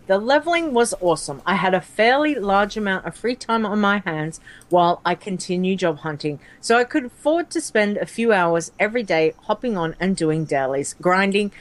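A woman's voice: medium pitch, lively intonation, moderate pace, few pauses. A woman co-hosting a casual gaming podcast, upbeat and chatty, reading listener answers aloud. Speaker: podcast co-host.

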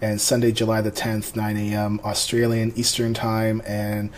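A man from Canada co-hosting a gaming podcast, announcing the schedule in a relaxed way. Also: on the low side, moderate pace. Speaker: podcast co-host. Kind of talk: casual chat, show announcements.

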